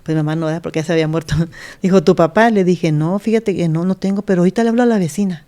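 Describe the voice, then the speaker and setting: A woman's voice: lowish voice, steady tone, rapid-fire, warm tone. A middle-aged woman, a pastor, telling her life story in an earnest interview and acting out the voices of the people in it. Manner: earnest, retells scenes by acting out quoted speech. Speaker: pastor, guest.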